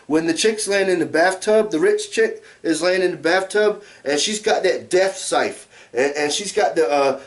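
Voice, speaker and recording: A middle-aged American man delivers a drunken, casual rant in a notably high voice. He rambles, circles back over the same phrases and curses freely, like an amateur reviewer talking straight to his viewers. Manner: heavily profane. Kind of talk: casual ranting vlog.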